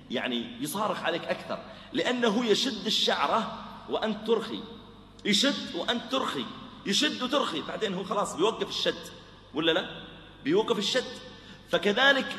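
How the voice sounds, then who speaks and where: A man giving a religious lecture full of stories, animated and acting out the dialogue, with soft, gentle quoted lines. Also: high voice. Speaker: preacher. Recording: echoey hall with long reverb, faint hum.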